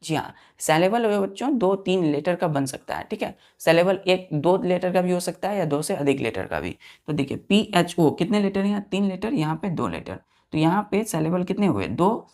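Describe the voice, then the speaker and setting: Male English teacher, gravelly tone, patient classroom explainer who keeps checking the class understands. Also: sits high, big pitch swings, normal speed, few pauses, a little mellow. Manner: repeats words and quizzes the class often. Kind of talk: classroom lesson in spoken Hindi.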